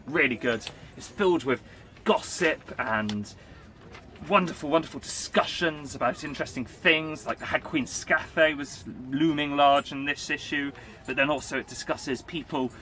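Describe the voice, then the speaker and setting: A man talks on his vlog in a loose, rambling way, playful and animated as he spins a story. His voice is bright and forceful, sitting at a middle pitch. A faint background noise runs under the recording. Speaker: vlogger recounting a live-action role-play event. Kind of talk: casual in-character storytelling chat.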